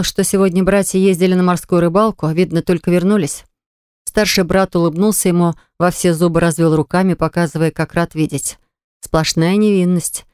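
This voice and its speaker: A woman narrating an audiobook in an even, measured way. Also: fairly low pitch, clear, resonant tone, no echo, clean studio sound. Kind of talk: scripted narration.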